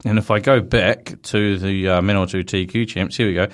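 A man's voice: low voice, steady tone, fairly quick. A man with a broad Kiwi accent hosting a casual motorsport chat in a blokey, slangy, mildly sweary way. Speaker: motorsport show host.

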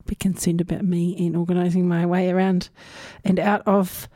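A woman's voice: lowish voice, level tone, normal speed, mellow, dry recording, clean studio sound. A woman with a New Zealand accent hosting a community radio music show, chatting casually in musing, unscripted asides. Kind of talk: casual radio chat between songs. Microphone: close radio studio microphone.

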